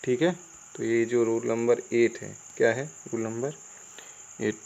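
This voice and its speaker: An Indian man teaching English spelling in Hindi. He talks casually, spells words out letter by letter and keeps asking the viewers whether it is clear. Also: medium pitch, little pitch movement, unhurried, a little mellow, muffled recording. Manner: chatty, asks the viewers "clear?" often. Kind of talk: casual Hindi classroom explanation.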